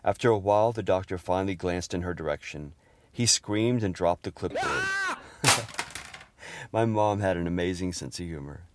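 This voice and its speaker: A middle-aged man fondly narrating humorous family memories in a gentle storytelling manner. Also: deep voice, brisk, noisy background. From Houston, Texas area. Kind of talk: personal memoir narration.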